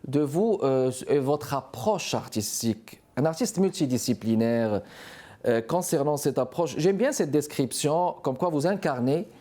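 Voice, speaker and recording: A man's voice: fairly high pitch, animated, measured pace, warm tone. A man hosting a TV arts interview, giving formal introductions with occasional fillers. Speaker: TV show host.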